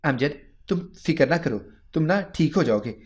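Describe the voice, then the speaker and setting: A man's voice: fairly high pitch, lively intonation, a little mellow, lightly acted. A man voicing a secretive middle-aged mother in a story, who swings between scolding and soothing. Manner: anxious and scolding.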